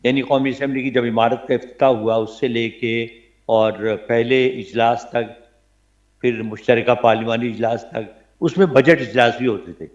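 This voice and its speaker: Older male guest, veteran radio commentator, mid-pitched and steady, recalling stories with lively asides over muffled audio. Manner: animated anecdotes, frequent "theek hai na?" check-ins. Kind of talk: reminiscing interview storytelling. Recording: dull lo-fi broadcast audio.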